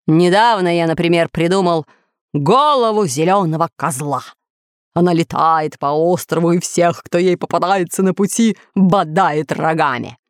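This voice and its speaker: A woman's voice: lowish voice, moderate pace, dry recording, clean studio sound, natural voice. Woman doing a smug, boastful storybook villain. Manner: calm, boastful. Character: boastful scheming male villain, lord of computers.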